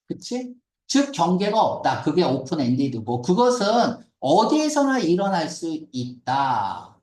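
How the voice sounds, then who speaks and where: A man's voice: fairly high pitch, wildly swooping pitch, a little slow, a little mellow, echoey room. A man teaching an English reading passage as a lecture, questioning the class and mixing English words into his explanations.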